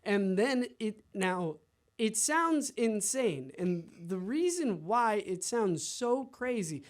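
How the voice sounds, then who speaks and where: A man from the D.C. area, a comedian guest, telling stories in a playful, animated way during a casual studio podcast chat. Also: sits high, slow pace. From Washington, D.C. area.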